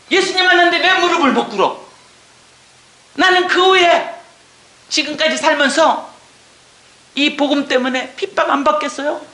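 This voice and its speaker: Bright, lively woman giving testimony. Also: sits high. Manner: animated, asks and answers her own questions; drops to a hushed whisper when reading verses. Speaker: church deacon giving testimony. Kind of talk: emotional church testimony.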